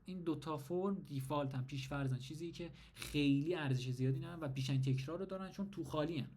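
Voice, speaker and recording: A man's voice: on the high side, a little mellow. A young man explaining a design topic in a casual tutorial, asking and answering his own questions. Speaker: design instructor. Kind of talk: screen-recorded tutorial.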